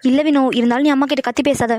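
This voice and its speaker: A woman's voice: high-pitched, steady tone, very fast, a little mellow, no room sound. A woman voicing sisters in a cartoon, pleading and protective. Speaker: voice artist for sisters. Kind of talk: cartoon dialogue.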